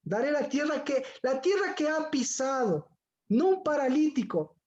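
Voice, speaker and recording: A woman's voice: high voice, big pitch swings, a little slow, a little mellow, lo-fi sound. A woman giving a Bible teaching, firing rhetorical questions at her listeners.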